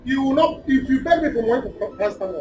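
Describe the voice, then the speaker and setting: A man's voice: very high voice, animated, fairly quick, darkish tone, faint music behind. A Nigerian man acting a defiant, hot-headed village brother in a film drama, belligerent and repeating his threats. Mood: bitter.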